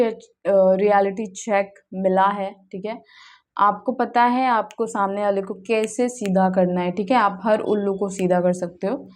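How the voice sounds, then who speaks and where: A woman's voice: medium pitch, darkish tone. A young woman giving a casual, chatty tarot reading to her viewers, often checking in with "okay?" and mixing in English words. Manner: chatty, keeps asking "okay?" and mixes in English. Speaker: tarot card reader.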